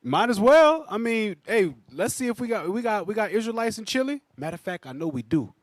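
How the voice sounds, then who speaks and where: A man's voice: high voice, sing-song, brisk, no echo, studio quality. A man talking casually as a panelist in a group news discussion, slangy and emphatic, often repeating himself.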